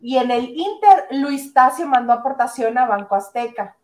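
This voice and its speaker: A woman's voice: high voice, expressive, normal speed, a little mellow. A Mexican woman co-hosting a casual gossip show, chatting and reading out viewer messages. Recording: roomy echo on the voice.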